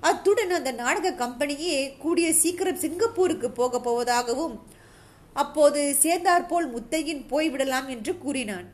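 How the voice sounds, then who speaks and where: High-voiced woman reading a novel aloud. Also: normal speed. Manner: steady storytelling with occasional slips and restarts. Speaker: narrator.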